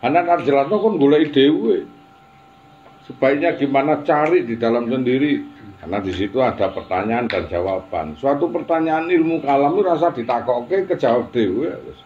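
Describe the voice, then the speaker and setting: A man's voice: mid-range voice, animated, normal speed, lo-fi sound, a little hiss or hum. A man giving an informal religious talk, chatty, with teasing asides. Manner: chatty, mixing Javanese and Indonesian, teasing asides. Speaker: religious teacher.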